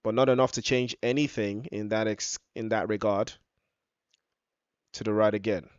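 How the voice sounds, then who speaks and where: A man doing live esports football match commentary, stretching out excited shouts on goals and big chances. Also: fairly low pitch, moderate pace, clear, resonant tone, no echo, highs cut off.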